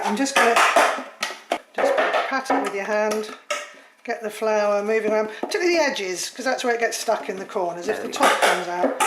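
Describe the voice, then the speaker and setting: A woman's voice: mid-range voice, heavy background noise. A woman giving a cooking demonstration at home, chatty and rambling, with jokey asides. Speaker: home cook. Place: home kitchen. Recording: echoey kitchen with clattering dishes.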